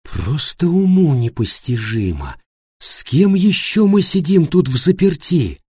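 A man voicing an exasperated woman who speaks in a measured, sardonic way. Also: sits high, lively intonation, dark tone, slightly rough, no echo, clean studio sound, voice pushed up.

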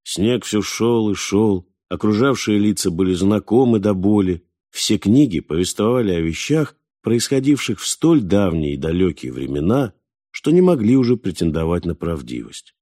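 A man reading a novel aloud as audiobook narrator, in a calm, measured, unhurried manner. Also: fairly low pitch, no echo, clean studio sound. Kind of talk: scripted narration.

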